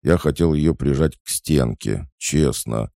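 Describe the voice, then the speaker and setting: A man's voice: very deep voice, a little slow, creaky, warm tone, dry recording, studio quality, voice pushed up, full character voice. A man voicing an awkward, lovesick teenage boy in an audiobook, whining and defensive. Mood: whiny. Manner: whiny, defensive.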